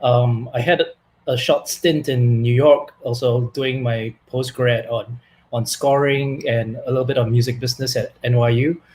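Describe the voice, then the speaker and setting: A man from Singapore introducing himself on a panel in a casual, relaxed way. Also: medium pitch, moderate pace. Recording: faint background noise.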